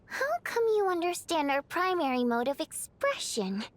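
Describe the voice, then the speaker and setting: A woman's voice: high-pitched, big pitch swings, normal speed. A woman voicing a polite, earnest young female water imp in a video game. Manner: polite, earnest, lightly teasing.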